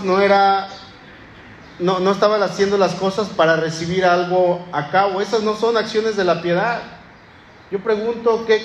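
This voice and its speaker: High-voiced pastor preaching in an echoey church. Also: male voice, a little hiss or hum. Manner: conversational preaching, addresses congregation as brothers. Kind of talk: sermon. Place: church sanctuary.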